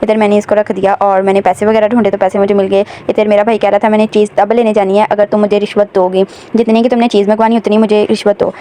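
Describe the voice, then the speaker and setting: A young woman narrates her home vlog at a brisk clip. Her voice stays level with little rise and fall, and she chats casually and directly to her viewers. A faint room ambience sits behind her. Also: mid-range voice, flat delivery, dark tone, slight background noise. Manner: chatty, addresses viewers directly. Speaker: vlogger.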